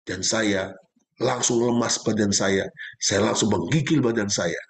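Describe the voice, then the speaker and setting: A male pastor preaching a sermon, speaking straight to his congregation with emphatic, leaping exclamations. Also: measured pace. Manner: emphatic preaching with sudden pitch leaps; addresses congregation directly.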